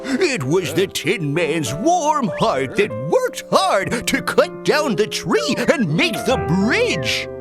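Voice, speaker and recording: A woman's voice: medium pitch, wildly swooping pitch, slow, music in the background. A woman voicing a jolly, commanding wizard in a children's storybook cartoon, theatrical and declamatory. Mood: explaining.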